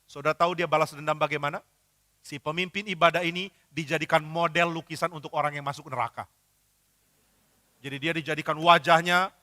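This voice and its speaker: A male pastor preaching a sermon in an animated storytelling way, slipping into character voices. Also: fairly high pitch, in a large hall. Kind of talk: sermon with acted-out stories.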